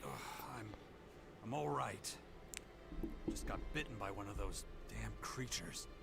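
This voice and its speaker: A gravelly, tired-sounding hero speaks in game dialogue. Loud music plays behind him. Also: male voice, fairly low pitch, lively intonation, takes it slowly, exaggerated voice. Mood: weary.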